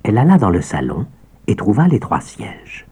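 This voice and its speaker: A man narrating a children's audiobook with expressive storytelling and soft asides. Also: on the low side, moderate pace, breathy edge.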